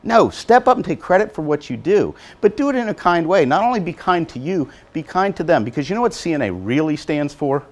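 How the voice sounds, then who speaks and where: A man giving a lively, joking motivational talk to nursing assistants, acting out quotes as he goes. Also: fairly high pitch, a little fast, few pauses. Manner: animated, joking, acts out quotes. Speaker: motivational speaker. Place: college hall before an audience.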